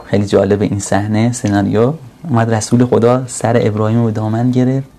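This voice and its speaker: Gravelly-voiced man preaching earnestly. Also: on the low side, little pitch movement, warm tone. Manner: earnest, swells to slow emphatic peaks. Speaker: religious speaker. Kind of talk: sermon.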